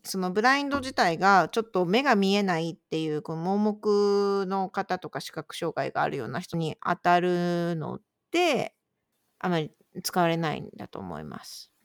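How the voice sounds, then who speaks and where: A woman's voice: on the low side, lively intonation, moderate pace, no echo, clean studio sound. A woman co-hosting a casual podcast, patiently explaining words in a chatty, conversational way. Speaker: podcast co-host posing quiz words.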